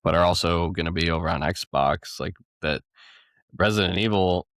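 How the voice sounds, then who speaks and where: Young guy on a game podcast, real deep voice, rambles and laughs a bunch, dry sound. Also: moderate pace, fairly bright tone, no room sound. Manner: rambling, laughs between thoughts. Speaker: podcast co-host. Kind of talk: casual gaming podcast chat.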